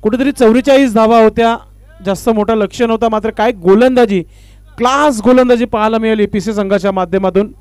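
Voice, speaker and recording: High-voiced man announcing local cricket. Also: a little mellow, smooth, no echo. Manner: formal, honorific announcing with filler pauses. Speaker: cricket match commentator and announcer. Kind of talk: live tournament commentary with stage announcements.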